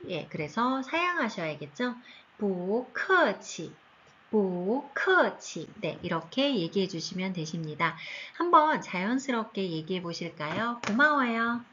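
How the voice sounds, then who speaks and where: A woman teaching an online language class for seniors, speaking slowly and patiently and stretching out each tone as she demonstrates it. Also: mid-range voice, big pitch swings, pushed and bright, highs cut off, a little hiss or hum. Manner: slow, patient, drawn-out tone demonstrations. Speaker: Chinese teacher. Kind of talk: recorded online lesson for seniors.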